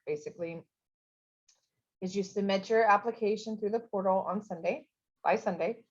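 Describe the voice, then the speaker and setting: Casual woman explaining, lo-fi sound. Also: lowish voice. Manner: casual, conversational, with many fillers and restarts. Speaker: program coordinator. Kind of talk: recorded info session walkthrough. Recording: dull, lo-fi recording.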